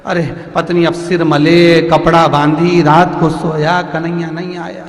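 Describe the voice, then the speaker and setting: A man, a preacher telling a devotional story in a lively, folksy and dramatic way, in a large hall. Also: a little high, a little slow. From central India. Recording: echoey hall with faint music.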